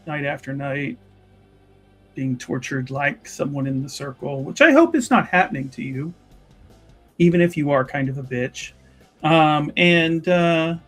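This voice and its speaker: In a tabletop roleplaying game, a man voices a composed fantasy noblewoman confronting a rival mage, courteous but pointed. His pitch runs a little high, and his words come out measured and halting, diplomatic yet sharp, over faint background music.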